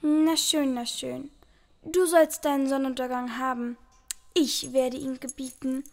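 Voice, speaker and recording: A woman's voice: sits high, flat delivery, a little slow, creaky. A woman voicing a bossy, pompous queen who rules a tiny planet, giving orders in a radio play. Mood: pompous, commanding. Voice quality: pompous, commanding. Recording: music playing underneath.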